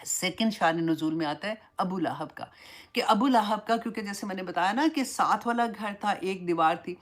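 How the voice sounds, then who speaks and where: Woman teaching a Quran lesson, storytelling. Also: mid-range voice. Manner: storytelling, mixes English phrases into Urdu. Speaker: Islamic teacher.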